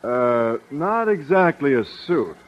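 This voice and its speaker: An actor playing a bashful, penny-pinching teacher, hesitant, earnest and pedantic, in a 1950s radio sitcom. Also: male voice, medium pitch, very animated, slow pace. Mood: sheepish. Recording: muffled, noisy vintage radio recording.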